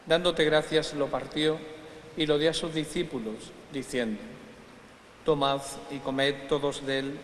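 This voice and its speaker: A man, a priest solemnly reciting the liturgy of the Mass in measured, formal phrases. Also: a little high, fairly even intonation, fairly bright tone. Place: large reverberant church. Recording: echoey church, long reverb, background noise.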